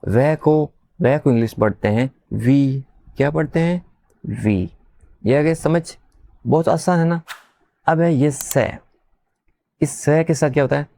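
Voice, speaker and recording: A man teacher, teaching in a classroom way. He asks questions, answers them himself, and spells letters out slowly one at a time. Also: a little high, vocal fry, dark tone, no room sound. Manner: spells letter by letter in a slow sing-song. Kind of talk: classroom lesson.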